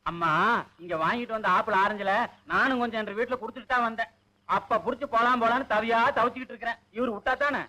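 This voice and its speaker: An actor playing a polite, chatty village servant in a film comedy. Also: male voice, extremely high pitch, steady tone, quick pace, pushed and bright, exaggerated voice, rough recording. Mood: deferential. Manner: polite, pleading. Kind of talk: 1980s film comedy acting.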